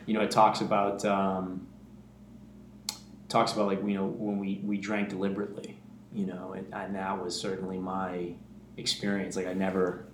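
A man's voice: sits low, completely flat delivery, normal speed. Man, 30s, from the Bahamas, podcast guest, candid, reflective, echoey room, faint noise. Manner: candid, reflective, many fillers and restarts. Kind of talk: personal recovery story.

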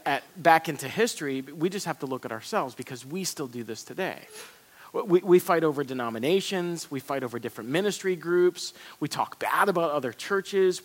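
A man's voice: fairly high pitch, a bit bright. Earnest man preaching a sermon. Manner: earnest, conversational preaching with frequent restarts and repeated words. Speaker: pastor.

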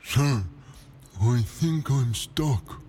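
A man voicing a big dim-witted henchman in a children's story, with a slow, dopey cartoon bellow. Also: mid-range voice, mellow, breathy edge, voice pushed up. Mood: helpless, pleading. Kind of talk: children's audio story character voice.

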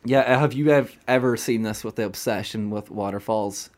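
A man's voice: fairly low pitch, moderate pace, a little mellow. A young Irish man with a Donegal accent, chatting casually and a bit hesitantly as a host. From County Donegal, Ireland. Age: young adult. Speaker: podcast host. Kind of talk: casual chat.

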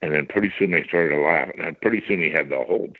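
A deep, husky man rambles through a crude anecdote, stopping and restarting as he talks. He sounds dry and thin, like a phone call on air. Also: no room sound. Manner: profane, rambling, halting. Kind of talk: casual anecdote telling. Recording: thin phone-line audio.

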